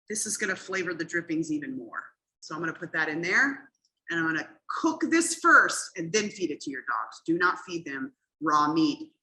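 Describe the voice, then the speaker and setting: A woman's voice: on the low side, pushed and bright, poor audio. A middle-aged woman leading a cooking demonstration in a casual, chatty way, explaining each step and often checking in with "okay?". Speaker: cooking class instructor.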